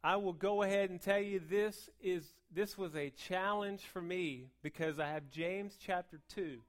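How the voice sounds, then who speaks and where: Talking quickly in a voice on the low side, this American preacher keeps her sermon informal and conversational. She drives points home emphatically, repeating words and posing rhetorical questions.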